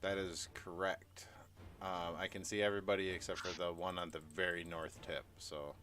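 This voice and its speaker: A man playing a tabletop game over a voice call, casually checking rules out loud. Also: low-pitched, little pitch movement, normal speed, slight background noise. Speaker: player.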